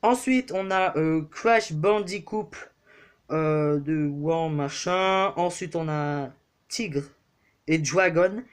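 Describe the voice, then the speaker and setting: A young man giving a casual tour of his bedroom, rambling and hesitant with lots of fillers, his voice jumping up then sinking low and quiet. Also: slow, clear, resonant tone. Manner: pitch swings up and drops low and quiet. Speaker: vlogger. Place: bedroom, indoors.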